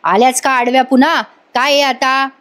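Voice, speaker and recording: A harsh, short-tempered middle-aged man who scolds and snaps at everyone, read out by a woman in a recap voice-over. The voice sits high, near the woman's own register. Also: level tone, moderate pace, fairly bright tone. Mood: angry. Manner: snapping and scolding.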